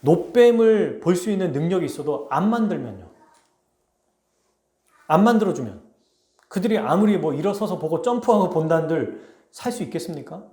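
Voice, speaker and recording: A man preaching a sermon as pastor, telling a story with lively, questioning delivery to his congregation. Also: fairly high pitch, normal speed, pauses often, echoey room. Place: church sanctuary.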